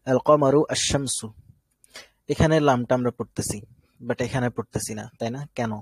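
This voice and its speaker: A man's voice: mid-range voice, moderate pace, slightly rough, no echo. A man from Bangladesh teaching an online Arabic class, explaining step by step and often checking that students follow. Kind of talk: live online class lecture.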